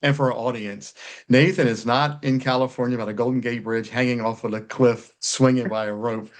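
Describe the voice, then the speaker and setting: A man's voice: mid-range voice, fairly even intonation, normal speed. A man hosting a casual podcast, talking in a friendly, rambling way with frequent fillers. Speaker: podcast host.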